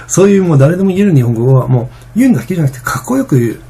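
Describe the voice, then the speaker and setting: Fast, gravelly, husky-voiced man. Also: on the high side, sing-song, dark tone. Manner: rambling, many fillers and restarts. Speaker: vlogger. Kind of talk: casual vlog monologue.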